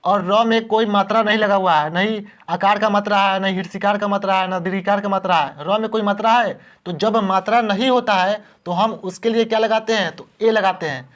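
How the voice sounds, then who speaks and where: A man's voice: sits high, steady tone, a little fast, few pauses, a bit bright. A man teaching beginners how to spell words, patiently repeating each word and asking the class questions.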